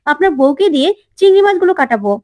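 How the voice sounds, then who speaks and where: A woman reading a bold, sharp-tongued young daughter-in-law, retorting and teasing. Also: extremely high pitch, expressive, fast talker, voice pushed up.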